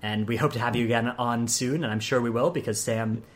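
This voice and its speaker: A man's voice: medium pitch, steady tone, fairly quick. A man hosting a podcast, chatting casually with lots of hesitations and fillers. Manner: rambling, hesitant with many fillers. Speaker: podcast host.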